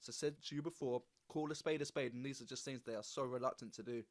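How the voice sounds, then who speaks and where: A man's voice: medium pitch, fairly even intonation, fast. A man hosting a podcast interview, thinking aloud in loose, reflective phrases. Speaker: podcast host. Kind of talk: conversational interview.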